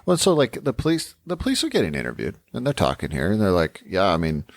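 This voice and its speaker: A man's voice: on the low side, wildly swooping pitch, fast talker, gravelly, no echo, studio quality. A man co-hosting a casual true-crime discussion, talking in an incredulous, emphatic manner. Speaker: podcast co-host.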